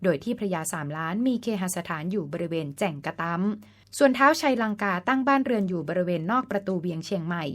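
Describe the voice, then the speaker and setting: A woman's voice: medium pitch, lively intonation, fast. Female storyteller and host, scripted folk-tale narration, polite and explanatory, mid-range voice. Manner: polite, explanatory, ends phrases with the particle ka; spells out words letter by letter.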